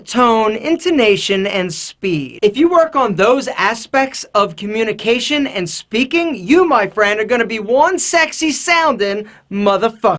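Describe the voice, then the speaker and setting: A man presents casual advice straight to camera. His voice is light for a male speaker and lacks bass, with an animated, emphatic delivery. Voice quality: light, not deep, rises high when excited. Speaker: YouTube host.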